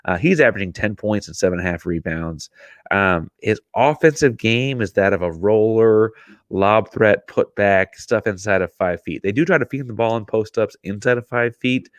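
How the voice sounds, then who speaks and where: Deep-voiced man breaking down basketball. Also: moderate pace, no echo. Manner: thinking aloud with frequent ums and uhs. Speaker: podcast host. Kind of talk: solo sports analysis podcast.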